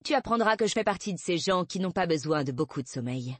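A woman voicing a brusque, exhausted female police detective, speaking in a sharp, clipped, defensive way. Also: fairly low pitch, lively intonation, fast talker, dry recording. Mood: snappish.

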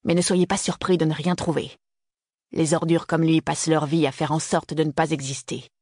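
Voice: medium pitch, little pitch movement, normal speed, darkish tone, dry recording, studio quality, natural voice. A reader voicing Frank, a stern graying father. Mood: grim. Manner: clipped, peremptory delivery. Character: stern graying middle-aged father, curt and commanding. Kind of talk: audiobook character reading.

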